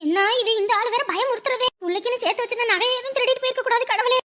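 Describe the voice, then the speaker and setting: A woman's voice: extremely high pitch, rapid-fire. A woman voicing a panicky, wailing middle-aged village wife in a cartoon, with a Kanyakumari Tamil accent. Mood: panicked. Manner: wailing, pleading. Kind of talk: cartoon voice acting.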